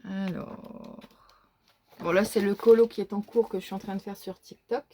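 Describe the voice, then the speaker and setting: A woman's voice: mid-range voice, fairly even intonation, moderate pace, dark tone, a little hiss or hum. Chatty French woman with a folksy accent. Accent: regional French, which she says is folkloric. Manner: chatty, hesitant with many fillers and restarts. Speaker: vlogger showing her coloring book collection. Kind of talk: casual show-and-tell vlog.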